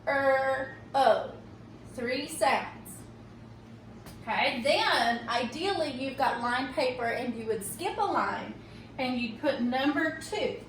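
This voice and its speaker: A woman teaching a reading lesson to young students, speaking slowly and patiently and checking in often with "okay?". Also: sits high, a bit bright. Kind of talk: recorded tutorial for young students. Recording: echoey room, distant from the mic, faint hiss.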